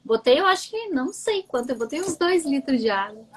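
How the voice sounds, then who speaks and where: A woman's voice: sits high, very animated, brisk, a little hiss or hum, rough recording. A woman with a southern Brazilian gaúcho accent, a coach and guest telling a personal story on a live stream in a chatty, candid way. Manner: chatty and candid, often checking in with "entende?".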